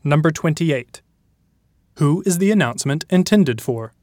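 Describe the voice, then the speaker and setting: A man's voice: on the high side, expressive, a little slow, darkish tone, no room sound, clean studio sound. A man reading scripted listening-test questions in a formal, instructional manner. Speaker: exam question narrator.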